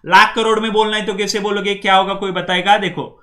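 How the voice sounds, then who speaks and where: A man teaching a class, drilling numbers slowly and often checking that his students follow. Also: high-pitched, little pitch movement, bright, forceful tone. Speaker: language teacher. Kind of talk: classroom lecture.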